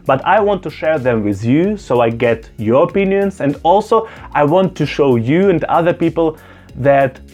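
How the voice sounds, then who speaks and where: Speaking indoors directly to the camera, this male YouTuber shares his opinions earnestly and with emphasis, repeating phrases to drive points home. English isn't his native language; he has a Russian-speaking background, and his first language is not German. His voice is fairly high and a little mellow, captured with lo-fi sound.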